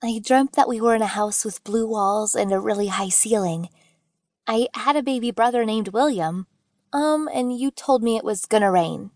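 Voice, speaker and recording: A woman narrator voicing a young boy who talks softly and wonderingly. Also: fairly high pitch, moderate pace, no echo, studio quality, lightly acted. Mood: wistful.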